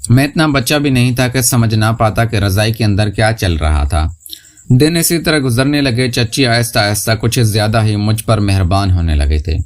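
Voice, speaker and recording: A man narrating a scripted first-person story in a steady, unhurried reading voice. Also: on the low side.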